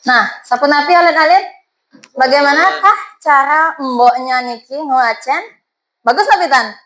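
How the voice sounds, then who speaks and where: A woman's voice: sits high, lively intonation, unhurried, a bit bright, slight background noise, low-quality recording. A woman teacher with a Balinese accent, coaxing her students with questions as she teaches a class.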